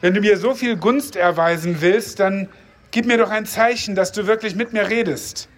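A man's voice: high-pitched, normal speed, lightly acted. A man voicing Gideon, a frightened young farmer pleading and doubting in a read-aloud Bible story.

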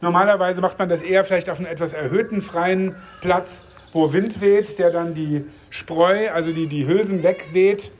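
A man's voice: high voice, fairly even intonation, normal speed, hardly any pauses. A man reading a Bible passage and then preaching in a conversational way, putting questions to his audience.

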